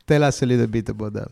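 A man's voice: medium pitch, gravelly, darkish tone. A man with an Italian accent hosting an interview, asking questions enthusiastically while stumbling over his words. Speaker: interviewer host.

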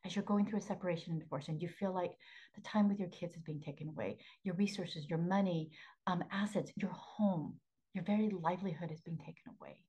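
A woman hosting a faith podcast as a spiritual coach, talking earnestly, repeating phrases for emphasis and often sinking into a soft half-whisper. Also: on the low side, fast talker, breathy edge, rough recording.

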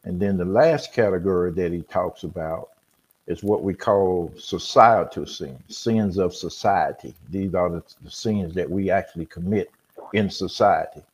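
A man talks through scripture in an unhurried, conversational way, like a teacher. His voice sits low and comes across husky. He pauses often with fillers as he explains. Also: darkish tone. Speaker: podcast host. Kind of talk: casual Bible discussion.

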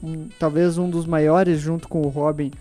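A man on a football panel giving deliberate, opinionated views in a casual debate. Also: on the high side, little pitch movement, loud music behind the voice.

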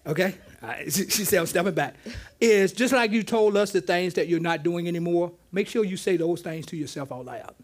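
A man's voice: sits high, a little fast, few pauses. A man, a pastor, teaching interactively in a church, stammering and repeating "okay" as he draws answers from the congregation. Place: church sanctuary.

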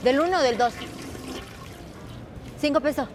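A woman's voice: high voice, noisy background. A woman with a Mexican accent playing a pushy vendor who hustles customers for coins. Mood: hustling. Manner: brisk, coaxing hustle.

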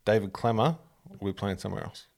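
A man's voice: lowish voice, fast, creaky, a little mellow. A man with an Australian accent co-hosting a casual rugby league show, speaking informally and colloquially. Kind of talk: casual sports chat.

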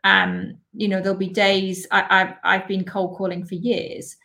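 A woman, a sales expert guest on a podcast, giving clear, structured advice in a conversational way. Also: medium pitch, level tone, a little slow, sharp tone.

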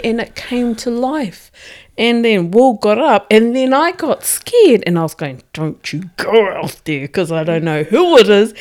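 Young woman, casual chat, animated, jumpy retelling. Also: a little high. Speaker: storyteller.

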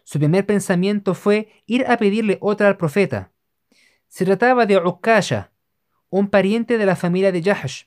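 A narrator giving a steady, measured scripted reading of religious history. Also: medium pitch.

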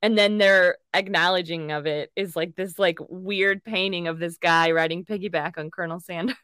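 A woman's voice: fairly low pitch, steady tone, moderate pace, fairly bright tone, smooth, no echo, clean studio sound. Chatty, giggly woman podcast co-host. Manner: giggly, chatty, loose rambling. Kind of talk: casual chat.

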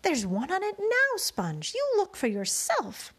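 A woman voicing a harsh, bossy, tall and bony aunt in a storybook reading, shrill and barking orders. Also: wildly swooping pitch, a little slow, full character voice. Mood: excited shouting.

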